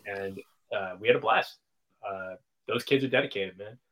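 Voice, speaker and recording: A man in his thirties, a band member guest, telling stories in an animated way full of "like" and "man". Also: fairly low pitch, normal speed. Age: 30s. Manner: animated storyteller, lots of "like" and "man". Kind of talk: casual chat.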